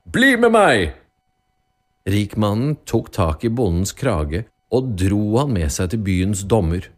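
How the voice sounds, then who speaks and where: A male storyteller reading a storybook radio play with a fairly low voice. His pitch swings up and down a lot, and he stretches out key words as he builds the tale. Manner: lively, drawn-out storytelling. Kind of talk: scripted storybook narration.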